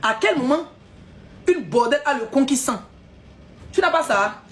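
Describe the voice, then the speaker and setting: A woman's voice: sits high, lively intonation, moderate pace, fairly bright tone. A woman ranting on a live stream, scolding and mocking her audience with frequent laughs.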